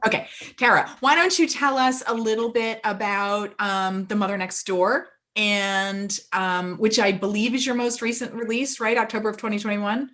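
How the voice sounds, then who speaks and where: A woman's voice: medium pitch, steady tone, normal speed, hardly any pauses, a bit bright. A woman moderating an author panel, affirming answers and asking questions. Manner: friendly, affirming, lots of "mm-hmm".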